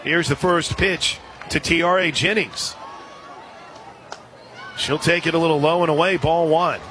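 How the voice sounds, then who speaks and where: Calling softball for live radio, a male game announcer speaks from a broadcast position at an outdoor ballpark. His slightly high voice keeps fairly even intonation at a measured pace, while crowd noise and ambient sound make the broadcast noisy.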